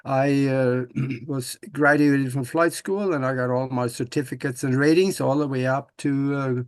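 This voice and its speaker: A man's voice: medium pitch, steady tone, unhurried, smooth, dry recording. An older man from Norway, a guest in a casual interview, talking in a folksy, upbeat way with many restarts and "uh"s.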